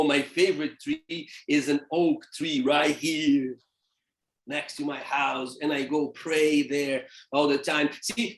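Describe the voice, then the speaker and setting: A man from Brazil with a Brazilian Portuguese accent, giving an animated, playful church lecture as a theologian. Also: fairly high pitch. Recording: echoey church hall.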